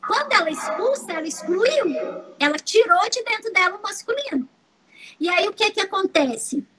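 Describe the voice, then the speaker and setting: A Brazilian woman, a family constellation therapist, teaching through lively stories and repeating phrases for emphasis. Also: extremely high pitch, normal speed, low-quality recording. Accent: Brazilian Portuguese. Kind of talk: teaching talk with anecdotes.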